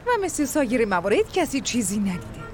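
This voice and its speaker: A woman's voice: on the high side, big pitch swings. An actress dubbing a brusque woman police detective who speaks in a curt, businesslike way, with music under the dialogue. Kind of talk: dubbed TV drama.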